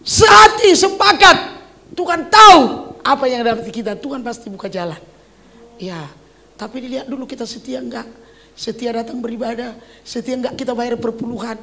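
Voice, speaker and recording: An older woman pastor preaches in a lively, storytelling way. She breaks out in sudden loud exclamations to make her points. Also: on the high side, brisk, vocal fry. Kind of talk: sermon.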